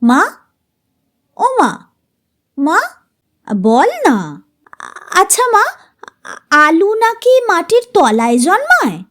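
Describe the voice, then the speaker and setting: A persistent little girl with a nasal, tearful whine, her voice pitched very high and swooping between words, as a woman storyteller puts her on. She nags in an audio storybook, drawing her pleas out slowly. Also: big pitch swings, fairly bright tone, exaggerated voice. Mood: pestering.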